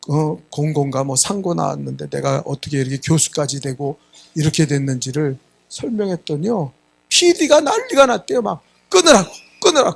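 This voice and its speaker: A man's voice: on the high side, creaky. A middle-aged man preaching a Sunday sermon, emphatic, often prodding the congregation with a questioning "eh?" and acting out quoted voices. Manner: emphatic, keeps asking the congregation "예?"; acts out quoted voices in dialogue. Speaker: pastor.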